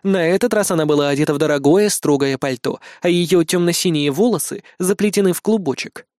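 A man reading a story aloud as an audiobook narrator, in an even storytelling voice. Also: on the high side, a little fast, no room sound, studio quality. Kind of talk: scripted narration.

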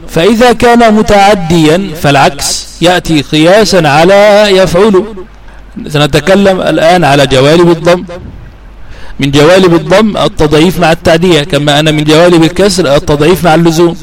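A man with a fairly high voice teaches a grammar lesson. He speaks slowly and deliberately and repeats each verb form so it sinks in. Now and then he raises his voice to recite lines of verse. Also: poor audio. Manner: slow and deliberate, repeating verb forms and drawing them out. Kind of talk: recorded lesson explaining a classical grammar poem.

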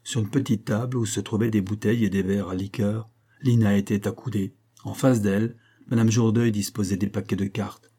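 A man narrating a classic novel as an audiobook in a measured, even reading. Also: lowish voice, slightly rough. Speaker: audiobook reader.

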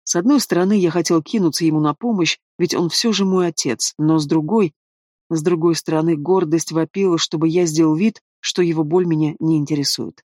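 A man narrates a fantasy novel in the first person, with steady, even delivery. His voice is fairly high for a man. It is recorded close and dry, with no room echo. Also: brisk. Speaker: audiobook narrator.

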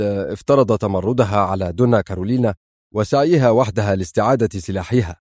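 A tense spy agency chief, voiced by a man, briefs in a low, careful voice with hesitant pauses. The recording is close and dry, as in an audiobook. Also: darkish tone, no room sound, close to an everyday voice.

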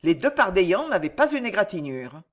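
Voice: mid-range voice, sing-song, a little fast. An audiobook narrator reading a historical adventure novel in a dramatic, rhythmic way.

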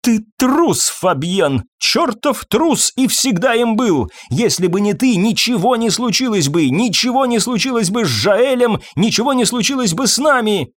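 Мужчина в роли визгливой злой официантки. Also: male voice, big pitch swings, a little slow, few pauses, no echo, full character voice. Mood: furious. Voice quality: high, sharp and shouting. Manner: scornful, nagging outbursts. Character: shrill, bitter, scolding middle-aged woman waitress.

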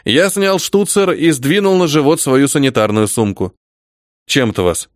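A man reading a first-person audiobook in a dramatic, expressive manner. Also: fairly high pitch, normal speed, no room sound, studio quality. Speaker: audiobook narrator.

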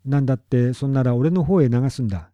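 A man voicing an angry neighbor farmer who shouts his complaints, on a dull lo-fi recording. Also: medium pitch, fast talker, no room sound, close to an everyday voice.

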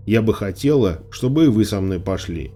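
A man's voice: lowish voice, lively intonation, normal speed, dark tone. A stubborn young girl, as a male reader puts her on. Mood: insistent. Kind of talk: audiobook character voice.

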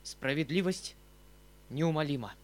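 A man voicing an excitable elderly uncle, a retired hussar colonel, speaking in impassioned exclamations. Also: a little high, unhurried, slight background noise, pitched above the performer's own voice, natural voice. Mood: agitated.

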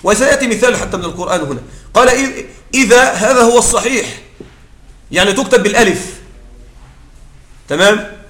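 A man's voice: high-pitched, animated, fairly bright tone, echoey room. A man teaching Arabic grammar, explaining patiently, often checking that listeners follow and restarting words mid-phrase. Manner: halting restarts mid-word.

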